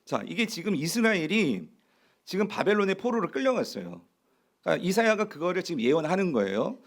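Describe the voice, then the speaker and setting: A man's voice: sits high, big pitch swings, fairly quick. A man preaching a sermon as pastor of a church, emphatic and full of rhetorical questions to the congregation. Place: church sanctuary.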